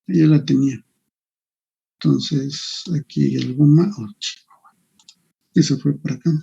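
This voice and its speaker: Man, lecturing online, thinks aloud, mutters to himself, slightly high voice, dull lo-fi sound. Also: fairly even intonation, normal speed, gravelly, mellow, husky. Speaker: engineering lecturer. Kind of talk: online class lecture with screen sharing.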